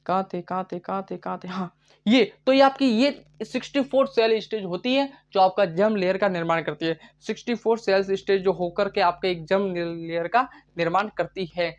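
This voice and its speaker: A man's voice: sits high, fairly even intonation, normal speed, highs cut off. Man drilling terms in a lecture. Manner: repeats questions and answers them himself, drilling terms; chatty, addresses students as bhai. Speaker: biology teacher. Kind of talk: live online lecture.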